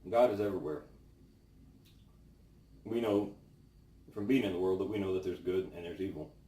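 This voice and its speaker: A man giving an informal devotional, reading scripture and reflecting on it in a pensive, halting way with long pauses. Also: low-pitched, dark tone. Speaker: devotional host. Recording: roomy, distant mic with faint noise.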